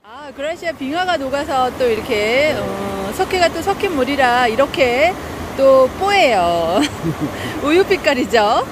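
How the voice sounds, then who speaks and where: Touring a campground for her vlog, a woman narrates casually in a high-pitched, sing-song voice at a measured pace, chatting away and exclaiming often. Her phone records outdoors, picking up clear background noise.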